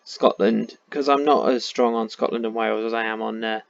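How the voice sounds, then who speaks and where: A man's voice: on the low side, fairly even intonation, fairly quick, vocal fry. A man with a tired voice, thinking aloud in casual commentary while playing a map game. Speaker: game streamer. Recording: dull lo-fi sound.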